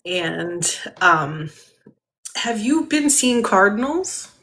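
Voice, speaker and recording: A woman giving a spirit reading to a caller on a live stream, talking gently with many fillers and soft laughs. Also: medium pitch, sing-song, drawn-out words.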